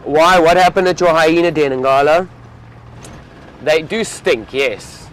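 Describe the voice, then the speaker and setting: A young man speaks outdoors from an open safari vehicle, chatting casually with live-stream viewers. He is an enthusiastic safari field guide who rambles as he talks. His voice sits a little high for a man. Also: takes it slowly.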